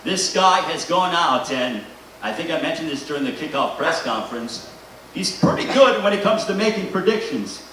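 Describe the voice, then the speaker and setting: A man's voice: a little high, expressive, normal speed, fairly bright tone. A man hosting a boxing press conference, introducing fighters with a showy ring-announcer delivery. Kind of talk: boxing promotional introduction to an audience. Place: large echoey press conference room. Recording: echoey hall, distant mic, faint noise.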